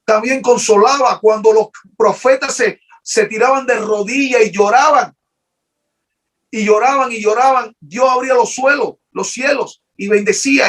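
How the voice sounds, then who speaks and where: A man's voice: extremely high pitch, moderate pace, fairly bright tone. A man preaching an emotional sermon as pastor, fervent and repetitive, often restarting his sentences.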